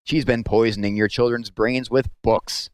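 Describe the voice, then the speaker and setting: A man voicing an angry, accusing small-town mob leader in a storybook, loudly declaiming. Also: medium pitch, fairly even intonation, moderate pace, smooth, no echo, close to an everyday voice. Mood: furious, accusing. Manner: shouting, declaiming.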